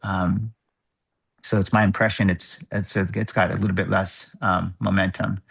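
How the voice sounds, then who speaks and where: A man chairing an online work group meeting, thinking aloud in a halting, measured way over a video call microphone. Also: low-pitched, little pitch movement, gravelly, a bit bright, husky.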